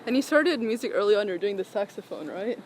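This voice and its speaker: A woman hosting a casual street interview, asking curious, quick follow-up questions. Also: medium pitch, big pitch swings, very noisy. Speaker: interviewer, show host. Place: outdoors on a city sidewalk.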